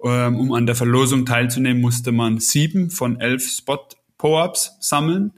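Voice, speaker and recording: A man's voice: mid-range voice, fairly even intonation, unhurried. Male podcast co-host, casual and rambling, mid-range voice. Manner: chatty, many fillers and restarts. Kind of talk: casual chat.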